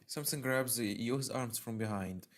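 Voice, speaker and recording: A man's voice: mid-range voice, measured pace. Man reading a horror game aloud. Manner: dramatic reading mixed with emotional outbursts. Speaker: game streamer. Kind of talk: reading a visual novel aloud on stream.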